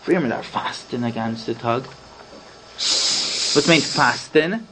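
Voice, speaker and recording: A man's voice: medium pitch, slow, a little hiss or hum, rough recording. A man, a rabbi and educator, telling a story to young children, quizzing them and slipping in English words. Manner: animated, quizzes the kids, mixes in English.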